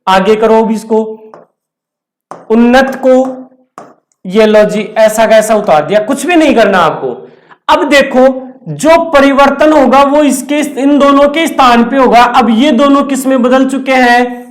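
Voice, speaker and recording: A man's voice: extremely high pitch, unhurried. A man teaching Hindi grammar in a classroom-style lecture. He explains step by step, repeats his points and puts questions to the class before answering them. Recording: echoey room.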